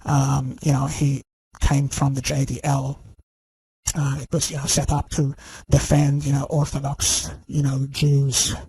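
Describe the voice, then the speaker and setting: Here a male channel host delivers a rambling ranting monologue to camera, scornful and insistent, filled with "you know" and "okay?". His mid-range voice is completely flat, gravelly, breathy, and a little mellow, and he keeps a measured pace. The low-quality recording has no echo.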